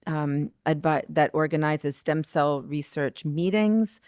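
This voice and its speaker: A woman's voice: low voice, takes it slowly, a little mellow, no echo, clean studio sound. A woman speaking in front of an audience as a panel moderator, introducing speakers and a discussion.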